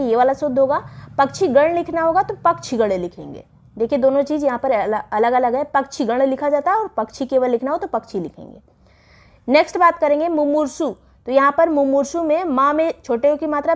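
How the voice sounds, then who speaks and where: A woman teacher giving an exam revision lesson, explaining spellings step by step and repeating each word. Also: sits high.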